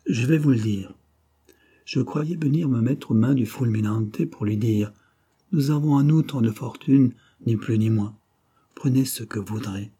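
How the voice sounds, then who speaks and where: A man reading a resolute young captive hero, earnest and pressing. The voice is dark and husky, close to the narrator's own. It is a storybook reading. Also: medium pitch, measured pace.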